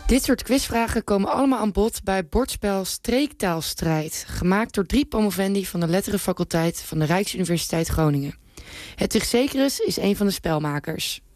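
A woman radio reporter giving scripted narration in a clear, even reading voice. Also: medium pitch, normal speed, dry recording, clean studio sound, faint music behind.

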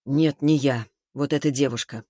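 A man reading an audiobook, voicing a blunt expert man who explains things in a lowered, matter-of-fact way. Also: fairly even intonation, moderate pace, warm tone, no room sound, clean studio sound, close to an everyday voice. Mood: curt. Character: middle-aged man, dry, blunt medical expert. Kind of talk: audiobook character voice.

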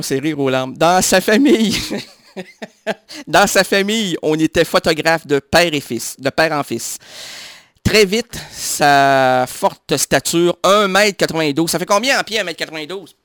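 A man's voice: a little high, measured pace, a bit bright, no echo, studio quality. A man hosting a radio show in a playful, joking, chatty way. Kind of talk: casual radio chat.

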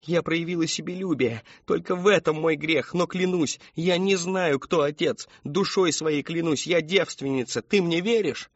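A man's voice: on the high side, normal speed, hardly any pauses, dry recording, dull audio, pitched above the performer's own voice. A man voicing a frightened teenage girl who pleads and tearfully confesses in a storybook reading. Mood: tearful confession.

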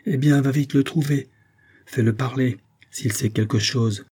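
Audiobook: a terse rebel leader giving hushed orders, read by a man, dark-toned. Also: medium pitch, measured pace, breathy edge, voice pushed up. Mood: urgent. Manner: curt, commanding, hushed orders. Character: determined young male insurgent leader, terse and urgent.

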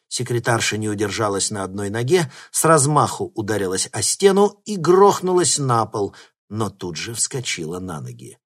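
A man narrating an audiobook at an ordinary pitch, reading steadily and with drama in the action scenes. His storytelling voice is clear and even. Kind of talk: scripted narration.

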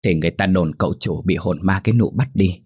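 A man's voice: low voice, fast talker, darkish tone, breathy edge, dry recording, studio quality. A man voicing an older female servant who is bitter and outspoken, gossiping with scorn in a ghost story. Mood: scornful.

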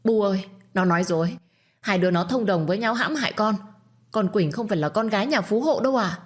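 A woman voicing a spiteful young wife in a told story, speaking in a shrill, accusing and pleading way. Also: animated, fast talker, husky. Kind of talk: storytelling with acted dialogue.

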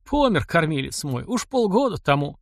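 A man's voice: on the high side, sing-song, fairly quick, fairly bright tone, no room sound, studio quality, voice pushed up. A man reading the part of a destitute old male servant who speaks in a plaintive, folksy, old-fashioned way. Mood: tearful lament.

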